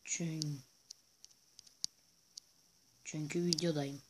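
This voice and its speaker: A male gaming host giving playful, excitable commentary over his own gameplay, often chanting silly repeated sounds. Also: a little high, extremely slow, background noise.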